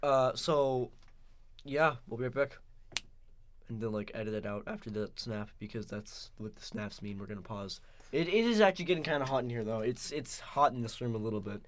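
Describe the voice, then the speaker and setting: Lively-pitched casual male podcast host. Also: brisk. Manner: loose, laughs a lot between phrases. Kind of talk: casual chat.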